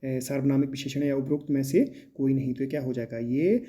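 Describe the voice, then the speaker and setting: A man teaching as he works through mock exam questions, often checking in with the class and pausing with drawn-out hesitations. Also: medium pitch, mellow. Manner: repetitive, checks in with "है ना" and "ठीक है".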